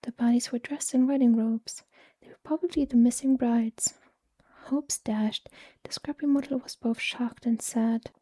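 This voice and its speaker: A woman's voice: on the high side, husky. Whispering woman reading a bedtime story. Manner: slow, hushed and even. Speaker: reader.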